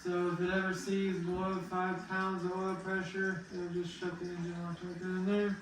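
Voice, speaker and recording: A man's voice: high voice, monotone, normal speed, slight background noise. A man explains engine work as he tinkers, in an offhand and joking way. His voice bounces around a very echoey garage. He sounds distant from the mic. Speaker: race car builder. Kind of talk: casual shop talk.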